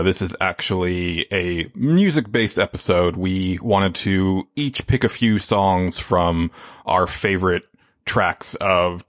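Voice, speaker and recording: A man with a deep, low voice hosts in a deliberate radio-presenter manner, now and then stopping for a filler. He sits close to the mic in a dry, slightly muffled recording. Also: no echo. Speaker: podcast host.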